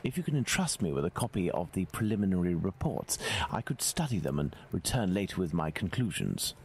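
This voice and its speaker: Sherlock Holmes, a precise gentleman detective in a video game. His voice sits very low yet moves with lively inflection. He is courteous and formal, heard over a loud background of street ambience. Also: a little fast, a little hiss or hum. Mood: composed. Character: calm, precise adult male detective.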